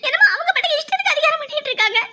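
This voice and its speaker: An upset young daughter-in-law in a cartoon, acted by a woman. Her protests come high, bright and fast, defiant and hurt. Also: animated, heavily acted.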